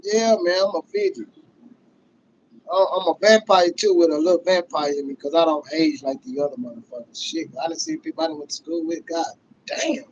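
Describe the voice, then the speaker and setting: A man, hosting a casual livestream rant. He talks loudly and profanely to his viewers, laughing often. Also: a little high, a little fast, muffled recording, a little hiss or hum. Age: 30s. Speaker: livestream host.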